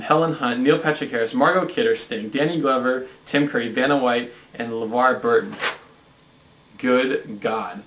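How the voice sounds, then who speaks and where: Excitable young man reviewing cartoons. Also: mid-range voice, echoey room, a little hiss or hum, poor audio. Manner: excited, mock-indignant. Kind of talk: comedic review.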